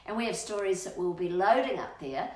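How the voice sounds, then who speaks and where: A children's storytime reader and channel host reads a storybook aloud in a playful, sing-song way, drawing out words for emphasis and chatting with her pet dog between passages. Her mid-range voice is lively in intonation, fairly quick, and a little mellow. The microphone sits at a distance in a room with a roomy echo.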